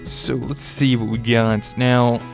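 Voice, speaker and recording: A young man with a stuffy, congested, mid-range voice narrates his own let's-play video in a level tone at a slow pace. As a gaming video host, he chats casually and upbeat, with little laughs and fillers, over a faint music bed.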